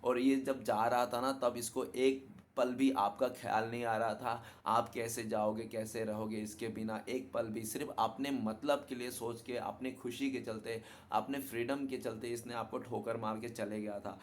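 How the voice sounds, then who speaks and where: In an unhurried, level, mid-range voice with hardly any pauses, a man does a relaxed tarot reading for viewers. This chatty tarot reader keeps adding "ठीक है ना" as a tag question to confirm they follow along. Slight background noise is audible.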